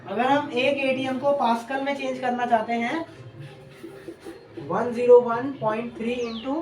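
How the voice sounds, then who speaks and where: Woman teacher, higher voice, question-and-answer drilling, distant mic, music behind. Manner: asks questions and answers them herself; repeats key terms drill-style. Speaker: chemistry teacher. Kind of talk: exam-prep lecture. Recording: echoey room, distant mic, background music.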